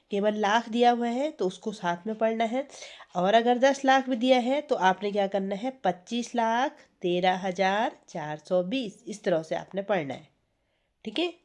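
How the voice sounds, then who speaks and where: A woman's voice: fairly high pitch, a little mellow. Female teacher, patient lesson delivery with frequent check-in questions. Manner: patient, repeats 'theek hai' and asks questions. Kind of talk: classroom math lesson.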